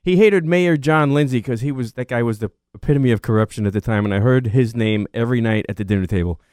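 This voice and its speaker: Man in his sixties, clear voice. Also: medium pitch, fast talker, darkish tone, no room sound, studio quality. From Queens, New York. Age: 60s. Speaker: car show organizer and car collector guest. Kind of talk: casual radio interview.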